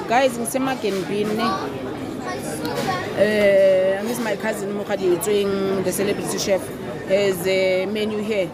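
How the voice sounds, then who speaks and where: Middle-aged woman vlogging, leisurely and chatty; phone recording over crowd hubbub. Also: mid-range voice. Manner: chatty, keeps saying "guys". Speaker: lifestyle vlogger. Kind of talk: casual vlog. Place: airport terminal, then home kitchen. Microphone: phone at arm's length. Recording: phone video with crowd and background noise.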